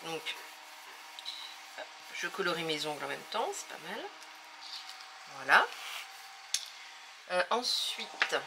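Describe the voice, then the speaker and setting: A woman's voice: sits low, expressive, slow pace, long pauses, background noise. A woman hosting a casual craft tutorial, talking hesitantly with many fillers as she thinks aloud while working.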